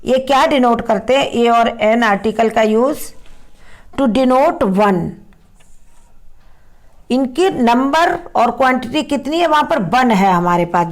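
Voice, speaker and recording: A woman teacher with a slightly high voice walks through a grammar lesson at an unhurried pace. She reads each English example slowly and deliberately, then explains quickly in Hindi. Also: animated.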